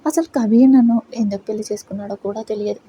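A woman reading a shy, gentle young wife. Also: a little high, fairly even intonation, fast, slight background noise, close to an everyday voice. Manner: soft, soothing.

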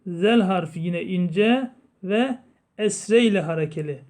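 A man teaching Quran recitation rules, explaining slowly and chanting the verses long and drawn out. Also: high voice, darkish tone. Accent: Turkish. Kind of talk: tajweed lesson with chanted recitation.

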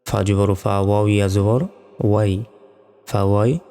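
Teaching Quranic Arabic, a man spells each word out syllable by syllable, letter by letter, very slowly and deliberately, before chanting it in a drawn-out, melodic recitation. His voice is low, flat and smooth, with long reverb on every word and faint music underneath.

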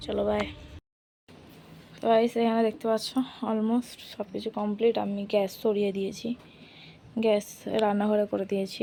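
Filming on a handheld phone in her home kitchen, a young woman narrates a casual cooking vlog step by step for her viewers. Her voice is mid-range, gravelly, and mellow, with a little hiss or hum on the recording.

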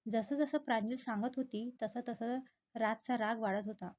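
A woman reading a scripted family story aloud in a steady, even storytelling manner. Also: a little high, normal speed.

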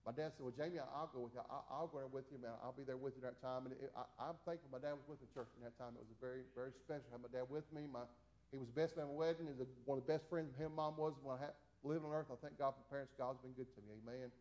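This pastor, a man in his forties, races through a Bible study at a small church in a steady, mid-range, darkish voice. He speaks folksily, repeats himself, restarts with stammers, and drops in "amen" frequently.

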